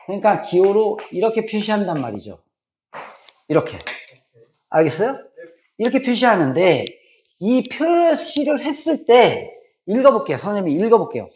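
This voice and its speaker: A middle-aged man lectures his math class in a high, very animated voice, stressing key points again and again. The recording is dull and lo-fi with a faint hiss beneath. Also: moderate pace, long pauses. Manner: lively, repeats key points, checks understanding. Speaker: math teacher.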